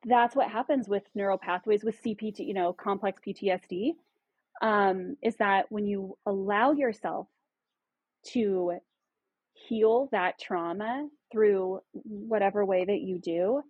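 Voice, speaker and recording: Guest, woman, husky voice, dry muffled sound, reflective and explanatory. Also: mid-range voice, a little slow, darkish tone, dry recording. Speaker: podcast guest. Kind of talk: casual conversation.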